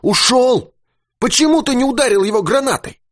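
A man voicing an excitable, feverish adult male geologist in an audiobook who rambles and shouts. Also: mid-range voice, normal speed, husky, no room sound, studio quality, voice pushed up. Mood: frantic shouting.

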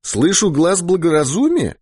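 A man's voice: on the high side, sing-song, moderate pace, slightly rough, pitched above the performer's own voice. A man voicing a talkative male engineer who teases his friend in a raised, jovial voice. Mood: teasing.

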